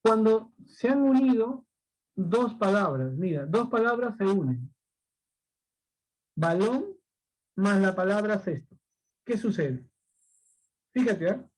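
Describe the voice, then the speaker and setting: High-voiced man teaching grammar. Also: big pitch swings, slow pace, pauses often, darkish tone, poor audio. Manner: asks rhetorical questions and repeats points; patient, explains step by step. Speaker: language teacher. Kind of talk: recorded class lesson.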